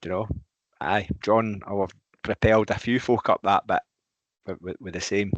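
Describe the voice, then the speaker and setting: Deep-voiced podcast host. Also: male voice, fairly even intonation, moderate pace, dry recording, muffled recording. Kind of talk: casual podcast interview.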